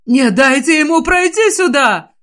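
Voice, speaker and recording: A woman's voice: high voice, expressive, measured pace, fairly bright tone, pitched above the performer's own voice. A woman reading an audiobook voices a panicking male demon lord whose voice cracks into a shriek. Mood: panicked.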